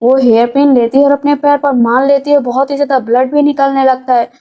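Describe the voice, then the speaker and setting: A woman's voice: sits high, little pitch movement, a little fast, highs cut off. A woman narrating a casual recap of a drama's plot, chatty and full of fillers. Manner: chatty, filler-laden retelling.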